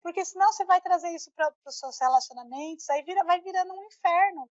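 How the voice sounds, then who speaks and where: Woman, Brazilian accent, high voice, casual emphatic podcast chat, dull lo-fi audio. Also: fast, dry recording. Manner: chatty, emphatic, frequent "né" tag questions. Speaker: podcast co-host.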